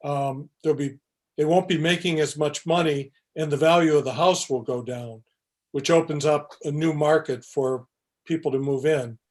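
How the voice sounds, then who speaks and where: A man's voice: on the high side, fairly even intonation, normal speed, a little mellow. A man on a planning commission, laying out his question at a public meeting, hesitant and full of restarts. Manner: hesitant, thinking aloud with many uhs and restarts.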